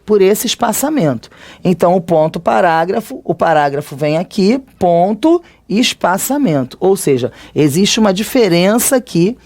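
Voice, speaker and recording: Grammar teacher, Brazilian Portuguese accent, mid-pitched and expressive, talks students through it casually. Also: normal speed. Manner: conversational, checks in often with tag questions. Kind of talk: recorded grammar lesson.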